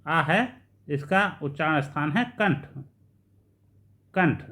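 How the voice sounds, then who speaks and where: A man's voice: on the high side, pushed and bright. Patient man teaching Sanskrit grammar. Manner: patient, repeats key terms slowly. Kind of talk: explanatory lesson.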